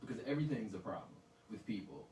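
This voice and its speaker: A man's voice: fairly low pitch, fast. Emphatic man arguing in an echoey room. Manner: emphatic, argumentative, animated quoting of others. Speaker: podcast co-host. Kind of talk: heated casual discussion. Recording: echoey room, far from mic, faint noise.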